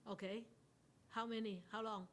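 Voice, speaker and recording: In a steady, fairly bright medium-pitched voice, a Buddhist nun takes her time with an interactive Dharma talk for a study class, asking questions and laughing a lot, with slight background noise.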